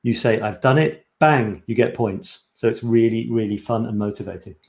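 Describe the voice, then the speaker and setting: A man originally from Scotland leads a live-streamed photography class, talking eagerly and rambling a little as he restarts his sentences. His voice is mellow and sits at an ordinary pitch. The room around him adds a noticeable echo. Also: normal speed, vocal fry. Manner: enthusiastic, chatty, self-correcting. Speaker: photography coach. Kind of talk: live-streamed course presentation.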